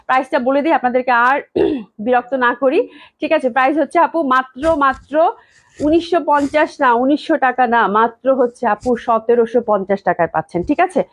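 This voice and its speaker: Fast-talking woman selling dresses live. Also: high-pitched. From Bangladesh. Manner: rapid, chatty, keeps asking "okay?". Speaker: live-stream clothing seller. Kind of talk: fast sales live stream, reading comments.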